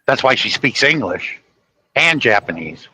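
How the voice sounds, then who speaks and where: A man's voice: medium pitch, sing-song, a little slow, sharp tone, husky, no room sound, low-quality recording. A man hosting a podcast, telling stories and insisting on his point in a rambling casual chat. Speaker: podcast host.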